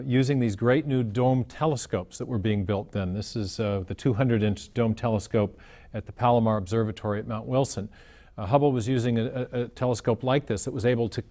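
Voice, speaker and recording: A man, a philosopher of science, answering interview questions in a measured, explanatory way with frequent restarts. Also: medium pitch, darkish tone.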